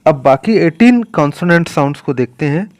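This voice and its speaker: A man with an Indian accent teaching English pronunciation in a classroom style, speaking slowly and repeating each sound and its examples. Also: a little high, expressive, darkish tone.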